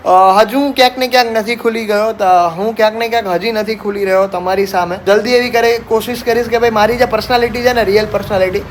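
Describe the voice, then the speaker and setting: A man's voice: high-pitched, fairly even intonation, fast, few pauses, slight background noise. A young man, chatting casually to camera as a family vlogger, often dropping in "barabar chhe".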